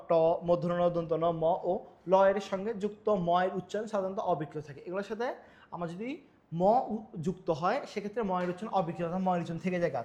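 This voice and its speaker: A young man teaches at a rapid clip, his voice sitting high. He keeps asking himself questions and restating each rule as he walks through exam-prep slides. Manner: repetitive, quizzing himself with rhetorical questions. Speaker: Bengali grammar teacher.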